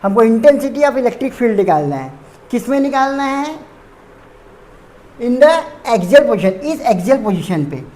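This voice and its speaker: A woman's voice: a little high, big pitch swings, takes it slowly, warm tone. A woman teaching a physics lesson. She explains step by step, repeats terms and corrects her own slips.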